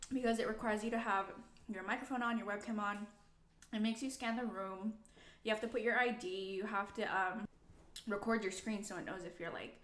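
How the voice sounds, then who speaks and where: A woman's voice: mid-range voice, a bit bright. A woman in her twenties chatting informally to camera as a student vlogger, rambling and peppering her talk with "like". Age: 20s. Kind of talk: casual chatty vlog to camera. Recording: echoey room.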